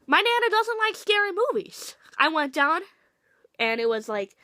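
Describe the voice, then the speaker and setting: A woman's voice: very high voice, big pitch swings, normal speed, sharp tone, no room sound. A woman vlogger with a cold, ranting casually and sarcastically, swearing freely. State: has a cold, sniffly. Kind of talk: casual rambling rant.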